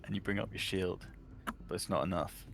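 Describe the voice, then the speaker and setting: Gravelly low-voiced man as casual game master, faint hiss behind. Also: a little fast. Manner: casual, descriptive narration with fillers. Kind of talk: narrating a tabletop game.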